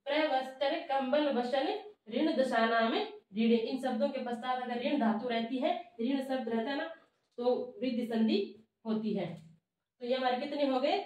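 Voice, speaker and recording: A woman with a high voice teaches a grammar lesson, slowly repeating each term as if she were dictating it. She sounds set back from the mic in a strongly echoing room. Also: darkish tone. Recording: echoey room, voice from far off.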